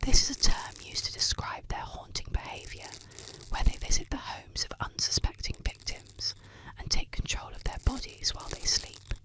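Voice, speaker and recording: Whispering woman, ASMR bedtime storyteller. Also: poor audio. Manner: hushed, slow, soothing delivery meant to lull to sleep. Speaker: narrator.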